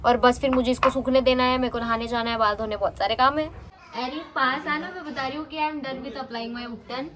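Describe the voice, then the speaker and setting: A young woman chatting fast in a casual home vlog, talking into a handheld phone. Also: sits high, fairly even intonation, a bit bright, a little hiss or hum. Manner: chatty, mixes in English words. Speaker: vlogger. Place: at home, indoors and on a terrace.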